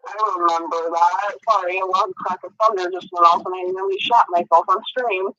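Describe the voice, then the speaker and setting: A man chatting as a guest on a casual livestream, excitable and giggly. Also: high voice, brisk, dry recording. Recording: dry dull lo-fi stream audio.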